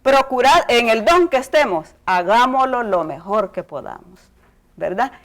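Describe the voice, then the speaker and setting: A woman's voice: a little high, animated, measured pace. A middle-aged woman giving a Bible class talk to women, often tagging her sentences with a questioning "right?". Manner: tags phrases with ¿verdad?, addresses hermanas.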